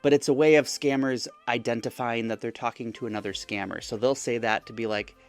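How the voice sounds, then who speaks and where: A man's voice: medium pitch, steady tone, a little fast, faint music behind. Wry man recapping a scam chat. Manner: wry, mocking, acts out chat messages in other voices. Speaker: scam-baiting content creator. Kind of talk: casual storytelling recap.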